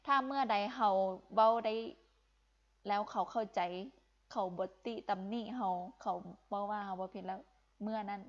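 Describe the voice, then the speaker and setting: A woman's voice: mid-range voice, moderate pace, lo-fi sound. A young woman from Laos teaching Vietnamese in a live-streamed lesson, encouraging and repeating phrases for emphasis.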